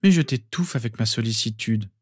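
A man voicing a caring young mother who pleads softly and apologizes. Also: mid-range voice, lively intonation, a little fast, dry recording, clean studio sound, close to an everyday voice. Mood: gentle. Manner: pleading, soft.

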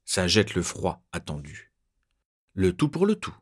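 A man reading a first-person story aloud in a measured, tense narrating voice. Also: deep voice, huge pitch swings, husky.

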